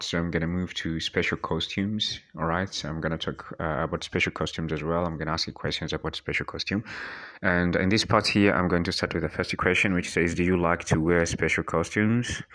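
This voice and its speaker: A man from Tanzania, hosting a podcast and answering speaking-exam questions with many pauses and fillers. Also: sits low, fairly even intonation, a bit bright. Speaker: podcast host. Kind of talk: speaking-exam practice monologue.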